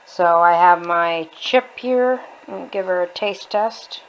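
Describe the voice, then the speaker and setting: A woman talks her way through a kitchen recipe in a relaxed, rambling manner, often restarting her sentences. Her voice sits a little low. Soft clicks and light kitchen noise can be heard behind her. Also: slow pace. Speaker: home cook vlogger. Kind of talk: casual cooking demonstration. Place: home kitchen.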